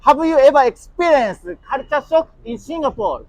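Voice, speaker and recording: A man's voice: very high voice, expressive, moderate pace, dry recording, rough recording. A man, interviewing people on the street with short, repeated questions. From Japan. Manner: short repeated questions, frequent brief acknowledgements.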